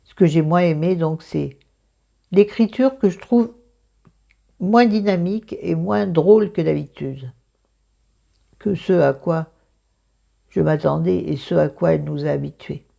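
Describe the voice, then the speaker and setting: A woman with a croaky morning voice and vocal fry, chatting casually through a book review in a self-mocking, digressive way, thinking aloud. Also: deep voice, a little slow, long pauses, mellow, highs cut off.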